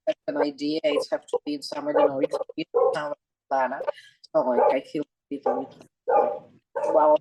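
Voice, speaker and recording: A woman from Russia with a Russian accent, a non-native speaker guesting on an interview in a relaxed way, full of fillers. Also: low-pitched, moderate pace, creaky, pauses often, very noisy. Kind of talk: casual interview chat.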